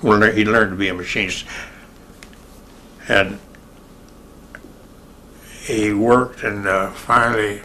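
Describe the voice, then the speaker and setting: An older American man casually recalling his life for an oral history interview, in a rambling, halting way with pauses to remember. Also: fairly low pitch, steady tone, sharp tone, slight background noise. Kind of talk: casual spoken reminiscence.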